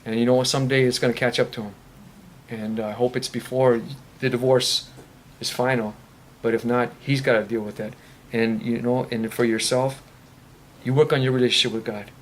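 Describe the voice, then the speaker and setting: At a faith-based recovery meeting in a meeting room, a recovery ministry speaker earnestly takes audience questions, rambling and restarting many times. He talks at normal speed in a flat, mid-range voice, with a little hiss or hum present.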